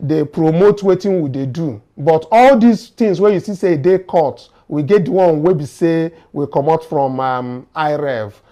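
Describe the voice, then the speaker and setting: A man's voice: on the high side, a little mellow. A man with a Nigerian accent hosting informal political commentary in Nigerian Pidgin, explaining things to his viewers. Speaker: host of a political commentary show. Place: studio.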